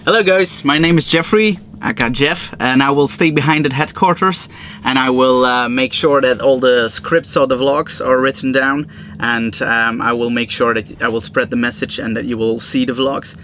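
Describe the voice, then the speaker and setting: Young man, team member, casual and upbeat, middle pitch, faint background noise. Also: moderate pace, a bit bright. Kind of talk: casual vlog introduction. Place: small office booth indoors.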